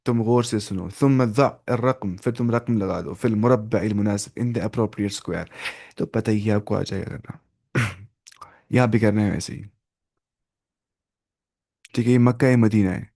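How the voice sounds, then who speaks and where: A man teaching an online Arabic lesson in with English words mixed in, reading Arabic phrases slowly and then explaining them. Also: lowish voice, gravelly, darkish tone.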